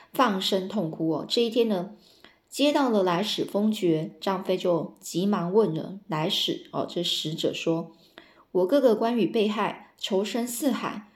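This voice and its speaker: A woman casually retelling a classic novel, explaining each old line in plain words with many drawn-out particles and restarts. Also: on the low side, a little mellow. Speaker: storyteller.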